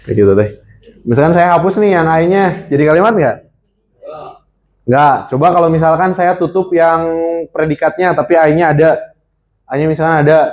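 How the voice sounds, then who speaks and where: A young man teaching a college seminar class on a handheld mic, lively and constantly quizzing his audience. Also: sits high. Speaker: seminar speaker. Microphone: handheld microphone.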